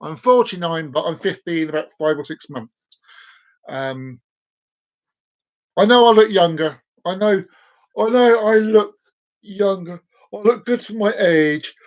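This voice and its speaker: A man's voice: sits high, expressive, a little slow, pauses often, muffled recording. A man in his forties hosting a casual live stream, chatting playfully with viewers and repeating his words as he rambles. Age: 40s.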